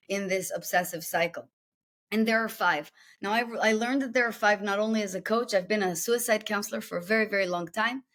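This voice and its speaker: Interviewed as a guest executive coach, an Israeli-accented woman lays out her method using rhetorical questions and steps in a list. Her mid-range voice is a bit bright.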